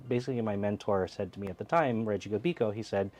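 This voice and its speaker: Earnest reflective guy in his thirties, mellow tone, kinda low. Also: quick pace. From United States. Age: 30s. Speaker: theater co-producer, guest. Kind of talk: interview conversation.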